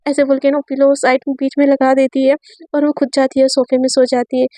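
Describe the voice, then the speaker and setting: A young woman with a high, mellow voice tells a romance story in a casual, chatty way, slipping into each character's quoted lines. The sound is dry and close. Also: monotone, fairly quick, no echo.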